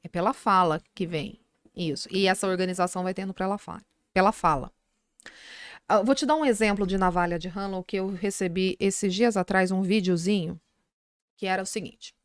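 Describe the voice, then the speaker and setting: A woman's voice: mid-range voice, normal speed, clean tone, no room sound. A middle-aged woman with a Brazilian Portuguese accent, a psychologist guest on a podcast, telling a story in casual conversation and acting out the people in it. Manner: animated retelling with quoted voices.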